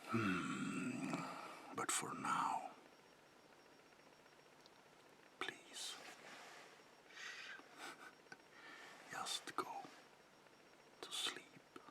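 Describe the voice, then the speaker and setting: Here the vampire baron is a full character voice: a man whispering slowly and theatrically in an ASMR roleplay, breathy and gravelly, predatory yet courtly, with politeness that softly menaces. The mood is soothing and weary.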